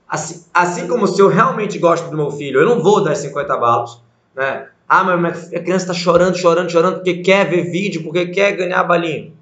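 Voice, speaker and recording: Brief: male religious teacher, slightly high voice, chatty lesson, echoey lo-fi recording. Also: fairly bright tone. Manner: informal, rhetorical questions, acts out voices. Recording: echoey, dull lo-fi sound.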